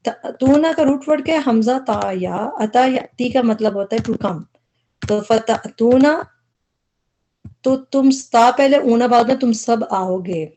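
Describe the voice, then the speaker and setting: A woman's voice: fairly high pitch, warm tone. Woman teaching word by word, patient. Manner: patient, explains step by step, mixes in English terms. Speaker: Quran word-study teacher. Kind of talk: explanatory lesson.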